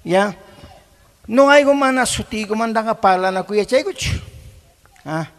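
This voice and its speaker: High, gravelly male pastor preaching. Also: a little slow. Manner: emphatic, keeps asking the congregation questions; mixes in Quechua words. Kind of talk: sermon. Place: church congregation hall. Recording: long hall reverb.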